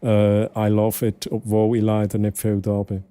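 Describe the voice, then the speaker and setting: A man's voice: fairly low pitch, monotone, normal speed, warm tone, clear, resonant tone. A man with a Swiss German accent chatting casually with his livestream viewers, rambling and repeating phrases, with some English words slipped in. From Switzerland. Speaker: game livestreamer. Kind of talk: casual chat with stream viewers.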